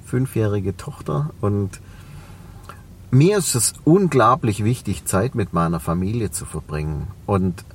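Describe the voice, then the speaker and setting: A man in his forties with a Swabian German accent, a cleaning company owner, reflects as a guest on a podcast interview, using lots of fillers. His voice sits fairly low, expressive and slightly rough, moving a little slowly, and the mic is distant.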